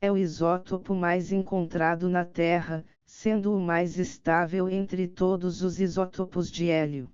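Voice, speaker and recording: Clear, smooth low-pitched woman narrator. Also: little pitch movement, darkish tone, no echo, lo-fi sound. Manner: measured, formal reading. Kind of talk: scripted audiobook narration of an encyclopedic article.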